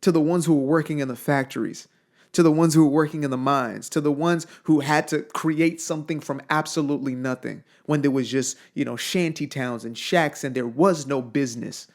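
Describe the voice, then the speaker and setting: A man's voice: on the high side, a little fast, a little mellow. A young man from Zimbabwe giving an emphatic, blunt motivational monologue, repeating phrases for weight. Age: young adult. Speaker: motivational speaker.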